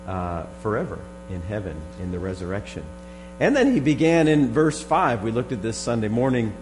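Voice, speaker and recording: A man with a hoarse, frog-in-the-throat voice teaches scripture verse by verse in a deliberate, emphatic sermon style. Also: mid-range voice, poor audio. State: hoarse, froggy voice from a strained throat. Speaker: preacher teaching a Bible study.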